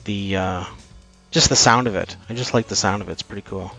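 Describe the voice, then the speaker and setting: A man with a fairly low voice shares his take on each song, pausing often to check his notes. He talks in a hesitant, casual way with many fillers. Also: fairly bright tone, faint music behind. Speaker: podcast co-host reviewing an album. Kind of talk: casual chat.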